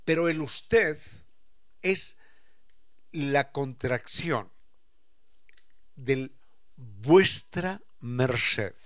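A man giving an expressive explanatory talk, acting out quoted phrases and stretching key words. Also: medium pitch, drawn-out words, pauses often. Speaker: speaker explaining language history.

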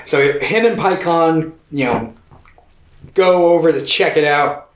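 A man co-hosting a podcast in casual chat, retelling a plot loosely with lots of swearing and quick character voices. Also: on the high side, reverberant. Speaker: podcast co-host.

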